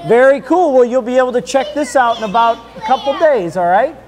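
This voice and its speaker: A woman's voice: a little high, brisk, a little mellow, lightly acted. A woman in character as a friendly vampire count, chatting casually with trick-or-treaters as a local TV host at an outdoor Halloween event. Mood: cheery. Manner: playful, upbeat, chatty with kids. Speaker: local TV host handing out candy. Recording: outdoor event with crowd noise.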